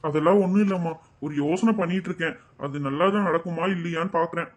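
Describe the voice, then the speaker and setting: A man's voice: on the high side, fast talker, close to an everyday voice. A man voicing a responsible young son in a cartoon family drama. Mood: earnest. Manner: soothing, earnest. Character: young working son, mid-twenties, responsible and kind.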